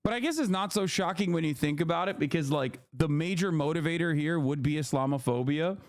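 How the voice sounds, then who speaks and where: A man's voice: fairly high pitch, a little fast. A man giving casual reaction commentary to a debate, sarcastic and mocking in tone.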